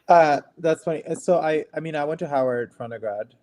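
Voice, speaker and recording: A young man from Cameroon, appearing as a physician guest in an interview, tells his personal story in a casual, conversational way, often saying "like" and "right?". His voice sits on the high side and is a little mellow, and he speaks a little fast.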